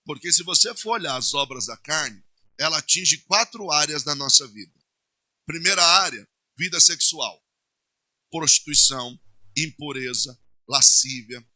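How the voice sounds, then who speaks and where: A male pastor with a Brazilian Portuguese accent preaching a sermon, swinging between loud declarations and hushed asides. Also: a little high, measured pace, no echo.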